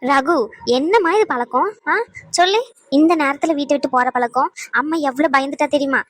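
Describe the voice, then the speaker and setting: A woman voicing a sharp-tongued old grandmother in a cartoon, nagging and sarcastic. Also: sits high, brisk, lightly acted. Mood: scolding. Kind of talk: cartoon voice acting.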